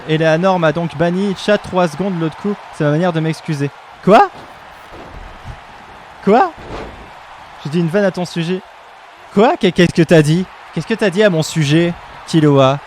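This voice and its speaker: A man's voice: sits high, slight background noise. A young man co-hosting a live stream, giving playful commentary and teasing his partner. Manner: jokey, teasing, laughs often.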